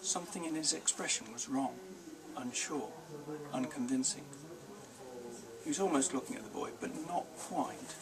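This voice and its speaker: A man, the author, reading his children's book aloud in a measured, gentle storytelling manner. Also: medium pitch, far from the mic, a crowd in the background, rough recording. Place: live reading event.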